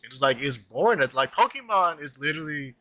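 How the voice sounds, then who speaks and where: A man's voice: a little high, a little fast, no echo. A man in his twenties chatting casually about cartoons, rambling with lots of filler words. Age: 20s. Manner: animated, rambling with many "like" fillers. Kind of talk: casual chat.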